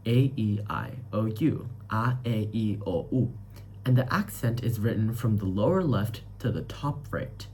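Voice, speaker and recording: A man narrates a beginner tutorial at an unhurried pace, spelling words letter by letter and repeating each one. His voice is mellow and warm. A faint hiss of noise sits under it. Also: fairly low pitch. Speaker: student teaching beginner Spanish. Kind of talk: screen-recorded tutorial narration.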